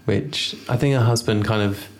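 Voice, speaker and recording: A man, talking casually and haltingly, full of "like" and restarts. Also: on the low side, vocal fry, slight background noise. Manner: hesitant, lots of fillers like "like". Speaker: podcast co-host. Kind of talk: casual chat.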